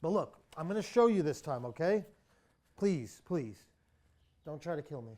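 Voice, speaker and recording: A man's voice: a little high, big pitch swings, normal speed, mellow. A young man playing a cowardly, irresponsible slacker in a naturalistic comic drama, whiny and pleading as he babbles. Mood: indignant, nervous.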